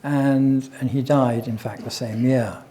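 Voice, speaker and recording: A man's voice: medium pitch, steady tone, a little slow, mellow. An older man giving a chatty public talk, full of wry asides and digressions. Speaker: guest speaker at a local history talk.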